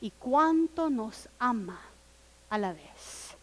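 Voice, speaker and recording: A woman's voice: a little high, very animated, very slow. A woman pastor preaching a sermon in an earnest, personal storytelling manner. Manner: earnest, personal storytelling with quiet quoted asides.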